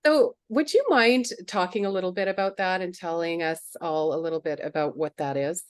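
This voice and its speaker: A woman host with a somewhat low voice, talking in an easygoing interview style. She hesitates a lot and gropes for words, filling gaps with little fillers. The recording is dry and close. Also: normal speed, clear, resonant tone, no echo. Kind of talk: casual interview chat.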